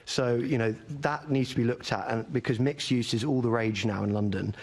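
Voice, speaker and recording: A man's voice: mid-range voice, fairly even intonation, normal speed, darkish tone. Earnest man giving committee evidence. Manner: earnest, argumentative, repeats words for emphasis. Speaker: leaseholder campaigner giving evidence. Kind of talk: formal committee testimony.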